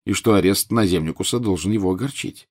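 A man's voice: low voice, fast talker, a little mellow. A man voicing a stubborn teenage schoolboy who speaks hesitantly. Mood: tense.

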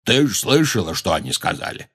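Guy playing a big gruff gamekeeper in a storybook, blustery and a bit husky. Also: deep voice, very animated, brisk, fairly bright tone, full character voice. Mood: careless. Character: huge gruff male giant gamekeeper, stubborn.

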